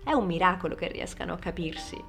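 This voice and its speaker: Una donna che fa una giovane immigrata spaesata e chiacchierona. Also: female voice, lowish voice, expressive, quick pace, a bit bright, soft background music. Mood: bewildered. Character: young immigrant woman, chatty and bewildered. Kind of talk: audiobook dialogue reading.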